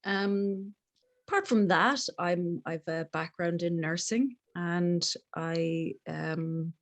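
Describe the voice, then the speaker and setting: A middle-aged woman from Galway, in the west of Ireland, speaks as a podcast guest and life coach, candid, casual and reflective in an interview. Her lowish voice is slow, with lo-fi sound.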